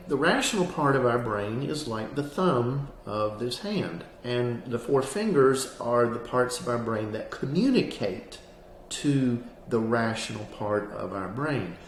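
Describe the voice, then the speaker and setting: Male counselor, calm grounding-exercise delivery, plain and instructive, roomy sound with slight background noise. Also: medium pitch. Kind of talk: explanatory lesson on anxiety grounding, spoken to camera.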